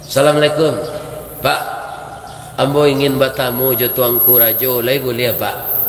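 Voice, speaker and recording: A man with a Minangkabau accent voicing a humble young man who pleads earnestly for forgiveness in a soft, lowered voice. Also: flat delivery, moderate pace, slight background noise, natural voice. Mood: humble pleading. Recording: echoey mosque hall.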